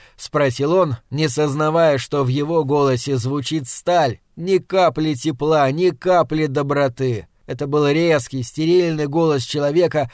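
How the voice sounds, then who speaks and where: A man narrating an audiobook in a measured, dramatic storytelling manner. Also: fairly high pitch, darkish tone, dry recording, clean studio sound. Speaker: audiobook reader. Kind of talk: scripted narration.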